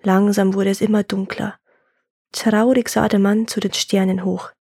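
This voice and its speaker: A woman narrating a legend in a calm, measured storytelling voice as host of her fairy-tale podcast. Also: medium pitch, husky, no echo, clean studio sound.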